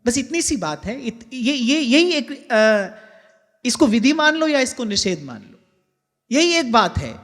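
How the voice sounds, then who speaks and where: A male spiritual teacher with a very high-pitched, slightly bright voice preaches unhurriedly, with big swings in pitch. His devotional sermon, which includes sung verses, returns earnestly to key phrases for emphasis, while long hall reverb and faint music fill the space.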